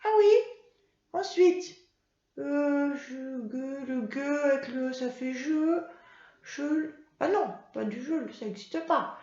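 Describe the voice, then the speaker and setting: A woman voicing Mimi, a hesitant little girl pupil who stumbles through guesses and brightens at the answers, with a roomy, slightly dull sound. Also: high voice, slow, pitched above the performer's own voice. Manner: stumbling guesses, sudden excited realizations.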